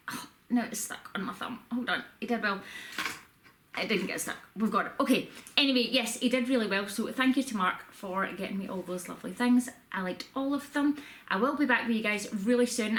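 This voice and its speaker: A woman's voice: fairly high pitch, fairly bright tone. A woman vlogging from a room at home, chatting casually and rambling a little with self-deprecating asides. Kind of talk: casual haul video chat. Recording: echoey room with faint background noise.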